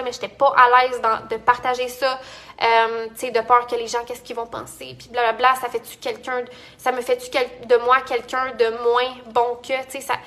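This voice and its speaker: A young woman with a Quebec French accent talks casually and motivationally to her audience of entrepreneurs. Her voice sits a bit high and rings bright. She rambles in a friendly way, with plenty of fillers and restarts. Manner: chatty, many fillers and restarts. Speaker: business coach.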